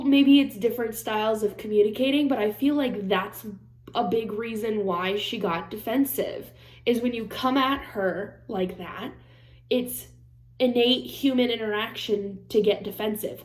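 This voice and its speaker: An animated woman vlogger talks through her reactions in a casual, unfiltered way, swearing freely and slipping into mock-angry impressions of other people. Her voice sits a bit high, and the room around her rings with echo.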